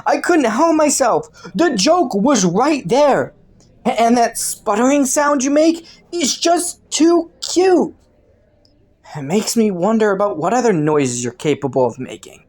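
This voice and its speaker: A woman's voice: fairly high pitch, animated, darkish tone. Woman acting flirty, swooping, teasing criminal Killua. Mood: playful, flirty. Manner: playful, taunting, coy, drawn-out mock innocence. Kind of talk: scripted roleplay audio, intimate monologue to the listener.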